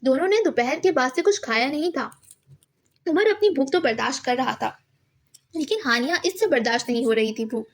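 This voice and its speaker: A woman reading a novel aloud as an audiobook narrator, steady and measured. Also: sits high.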